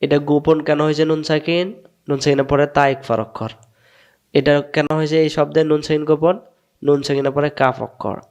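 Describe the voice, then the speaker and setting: The audio is lo-fi, and the man's voice is fairly high, level and a little mellow. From Bangladesh and speaking with a Bangladeshi Bengali accent, he patiently teaches Quran recitation one step at a time, going over each sound slowly and repeatedly while asking himself questions and answering them.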